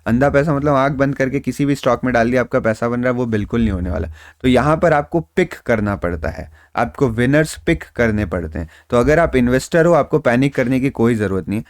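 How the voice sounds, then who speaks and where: A man's voice: mid-range voice, animated, brisk, hardly any pauses, dry recording, clean studio sound. A man giving casual, reassuring stock market analysis in a conversational way, mixing in English phrases. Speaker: stock market trader and YouTube host.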